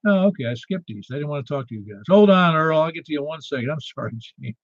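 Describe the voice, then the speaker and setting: A man's voice: on the high side, expressive, quick pace, dry recording. A man hosting a ham radio net in a chatty, informal, casual style. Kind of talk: casual net control chat. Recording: slightly dull, dry lo-fi audio.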